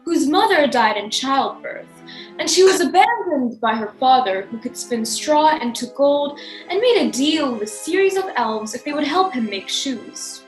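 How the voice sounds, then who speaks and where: A woman's voice: high voice, sing-song, moderate pace, reverberant, soft background music, rough recording. A young woman narrating a school fairy-tale play over video call in a theatrical, announcing way.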